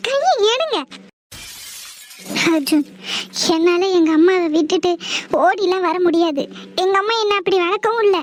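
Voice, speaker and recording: Woman voicing a frightened young cartoon girlfriend, pleading, very high pitched voice. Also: expressive, moderate pace, long pauses. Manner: pleading, tearful. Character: timid young woman torn between lover and family. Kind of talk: cartoon voice acting.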